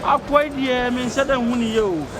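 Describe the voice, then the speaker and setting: Loud street crowd surrounds a man acting as an agitated Ghanaian station hustler from a comedy skit. His voice is very high and he talks fast, repeating himself insistently. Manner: insistent, repetitive. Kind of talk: improvised street comedy acting in Twi mixed with English. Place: outdoors at a busy urban bus station. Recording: busy outdoor street with loud crowd and traffic.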